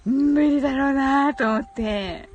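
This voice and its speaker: A woman hosts a casual live audio chat, giggling as she responds to listener comments and often repeating short phrases of agreement. Her voice is high-pitched and slow with a darkish tone.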